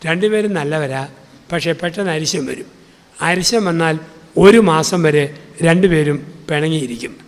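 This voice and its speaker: Male priest, higher register, storytelling sermon with repetition, long hall reverb. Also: fairly bright tone. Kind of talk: sermon with humorous anecdotes.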